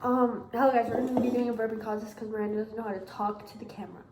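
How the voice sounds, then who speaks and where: A woman's voice: a little high, little pitch movement, rapid-fire. A young woman vlogging casually with her friends, playful and giggly. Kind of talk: casual vlog chat. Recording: very noisy with loud chatter.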